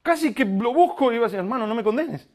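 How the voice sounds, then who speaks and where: A man preaching a sermon as pastor, asking rhetorical questions and slowing right down to stress each phrase of scripture. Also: extremely high pitch. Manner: animated preaching, rhetorical questions, slow emphatic reading of scripture.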